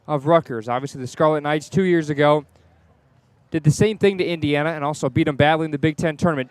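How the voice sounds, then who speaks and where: A play-by-play sports announcer with a slightly high voice calls a live baseball game on the radio, outdoors at the stadium. The recording has no room sound.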